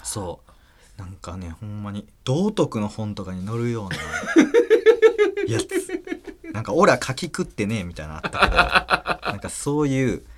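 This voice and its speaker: A man with a Kansai accent, hosting a podcast and telling a story in a casual, animated way, acting out voices and laughing often. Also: on the low side, moderate pace, long pauses. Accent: Kansai Japanese. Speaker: podcast host.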